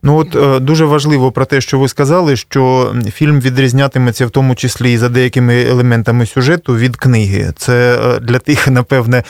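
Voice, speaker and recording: A man hosting a radio interview, speaking haltingly with many fillers. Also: medium pitch, little pitch movement, dry recording, clean studio sound. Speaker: radio host.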